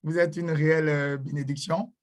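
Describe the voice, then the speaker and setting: A man's voice: fairly high pitch, flat delivery, normal speed. A man speaking at an online church conference, greeting and blessing people with frequent hesitations.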